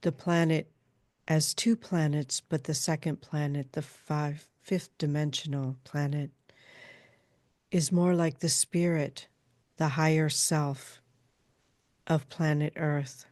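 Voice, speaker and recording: A woman trance channeling a calm female spirit like a seance medium, speaking in formal, halting, measured pronouncements. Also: low voice, dry recording. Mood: solemn, measured.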